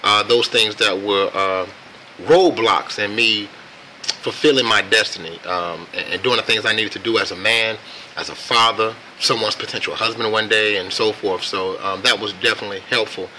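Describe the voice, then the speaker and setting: An American man casually telling a personal story on camera in a reflective, laid-back and halting way. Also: lowish voice, steady tone, sharp tone, a little hiss or hum, poor audio. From United States. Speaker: vlogger.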